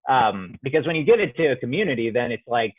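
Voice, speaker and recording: A playwright speaks quickly in a mid-range voice with big pitch swings, answering interview questions thoughtfully over a video call. He often restarts mid-thought while searching for words. The sound is dry, tinny and phone-like.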